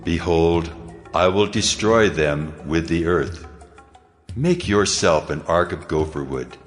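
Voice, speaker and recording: An actor playing God in a dramatized scripture reading, a solemn almighty deity speaking in a grave, commanding, declamatory way. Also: male voice, sits low, lively intonation, slow pace. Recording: long cavernous reverb over music.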